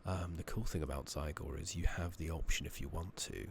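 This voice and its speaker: Playing an online fantasy game, a British streamer whispers soft ASMR commentary in a very deep, crackly voice full of vocal fry. He rambles hesitantly and casually at a fairly quick, steady pace, and his close makeshift microphone is slightly loud with clear background noise.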